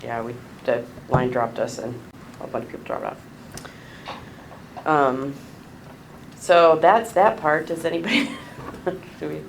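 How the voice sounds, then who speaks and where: Slow-talking woman chairing a meeting. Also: deep voice, fairly even intonation, vocal fry, slight background noise, low-quality recording. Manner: slow, casual, laughs easily. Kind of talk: running a meeting. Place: meeting room.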